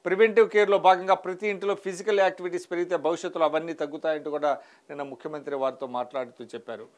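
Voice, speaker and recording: A man's voice: fairly high pitch, steady tone, rapid-fire. A man reviewing the morning's newspaper headlines, reading each item and adding short remarks, with occasional restarts. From Telugu states of India. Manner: reads headlines then adds brief remarks, occasional restarts. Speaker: news analyst reading headlines.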